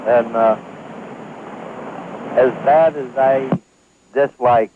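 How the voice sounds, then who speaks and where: A halting man in his fifties calls in over a landline phone. The line is tinny and narrow, with clear hiss running under his voice, and his pitch sits in an average range. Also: fairly even intonation. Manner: halting, many hesitations. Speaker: caller. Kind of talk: call-in talk radio.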